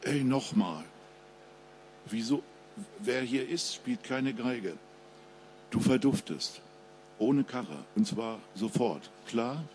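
A man doing a hollow, breathy anonymous caller. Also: medium pitch, animated, takes it slowly, long pauses, a little mellow, a little hiss or hum. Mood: menacing. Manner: curt, threatening, clipped orders.

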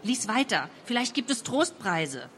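A woman voicing a pushy, sensible teenage girl who urges her best friend on in brisk, direct lines. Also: a little high, very animated, fairly bright tone, slight background noise. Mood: urging. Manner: brisk and urging.

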